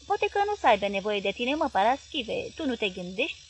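A woman's voice: mid-range voice, sing-song, slight background noise. A woman reading aloud, voicing a sweet-voiced wife who coaxes and pleads with her husband. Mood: coaxing, pleading.

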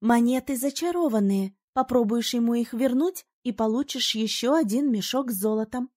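A woman's voice: a little high, moderate pace, darkish tone, close to an everyday voice. A woman reading an audiobook, voicing a sly female salamander companion who speaks in a teasing, knowing way. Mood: confiding.

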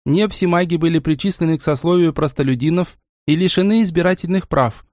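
Male audiobook narrator, fairly high voice, even delivery, dry close recording. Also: dry recording.

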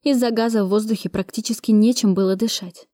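A woman reading a first-person action story aloud, steady and brisk, close to the mic. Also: medium pitch, dry recording. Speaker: audiobook reader. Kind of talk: first-person audiobook narration.

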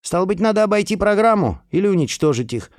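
A man voicing a blunt, cheeky young man who reasons in a lively, offhand way. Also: high voice, quick pace, dry recording, studio quality, voice pushed up.

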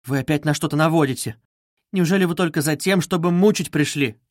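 A man's voice: on the high side, brisk, darkish tone, dry recording, voice pushed up, lightly acted. A man voicing a timid, anxious young woman who pleads in a pained tone, read as an audiobook in a dry studio. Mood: anguished. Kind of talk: audiobook reading.

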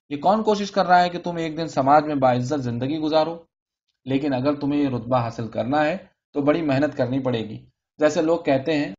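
A man's voice: fairly high pitch, a little mellow, lightly acted. A man reading as a pompous ranting pharmacist. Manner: scolding, self-righteous tirade. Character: pompous ranting middle-aged male pharmacist. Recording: dull lo-fi audio.

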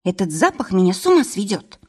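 A woman reading an audiobook, voicing a panicky, excitable young woman who cries out in shrill, frantic bursts. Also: a little fast. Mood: fretful.

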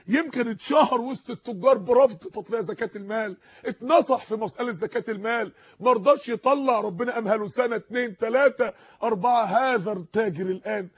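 High-voiced Egyptian man preaching passionately. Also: husky, dry recording, dull audio. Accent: Egyptian Arabic. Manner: impassioned, pleading, repeats phrases for emphasis. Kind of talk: sermon. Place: studio.

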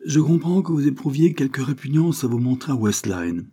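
A man's voice: mid-range voice, lively intonation, fairly quick, dark tone, slightly rough, voice pushed up. Man doing a pushy political agent. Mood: pressing. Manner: urgent, pressing tone. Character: insistent male political agent, pressing and persuasive.

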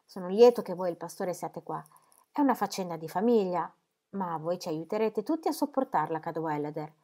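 A woman's voice: fairly low pitch, expressive, a little fast, dark tone. A woman voicing fussy rambling Mr Brooke. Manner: rambling, keeps adding "you know". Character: fussy rambling older gentleman. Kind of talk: audiobook character reading.

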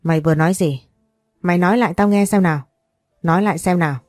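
A woman's voice: lowish voice, fast, a little mellow, dry recording, close to an everyday voice. A woman voicing a jealous, possessive wealthy older man who scolds and pleads. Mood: angry.

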